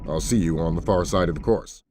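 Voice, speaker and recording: A man playing a composed, authoritative intelligence colonel in a video game, measured and businesslike. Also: sits low, dark tone, faint music behind, close to an everyday voice. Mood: collegial, businesslike. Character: composed, authoritative male colonel running covert operations. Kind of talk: video game cutscene acting.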